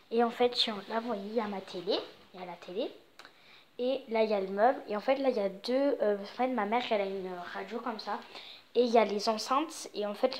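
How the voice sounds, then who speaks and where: A young vlogger with a mid-range voice casually rambles through a tour of her Christmas-decorated home, leaning on many fillers. A little hiss or hum can be heard in the recording.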